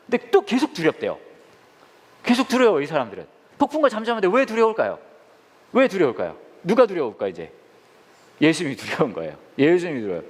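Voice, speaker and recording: Pastor, male, fast-talking with a lively, swinging pitch, teaching Bible study, echoing hall. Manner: animated, asks the audience questions and answers them; acts out quoted lines in changed voices.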